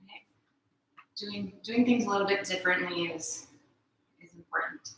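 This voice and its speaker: Bright-voiced woman leading yoga in echo. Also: medium pitch, moderate pace, slight background noise. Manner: calm, encouraging cues with frequent "right?" check-ins. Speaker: yoga instructor. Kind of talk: guided yoga class instruction. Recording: very echoey room.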